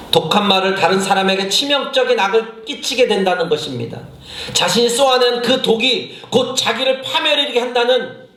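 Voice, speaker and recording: High-pitched preaching man in an echoey church. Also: a bit bright. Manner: impassioned, acts out his own prayers with rising pitch; addresses the congregation directly with questions. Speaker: senior pastor. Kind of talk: sermon. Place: church sanctuary.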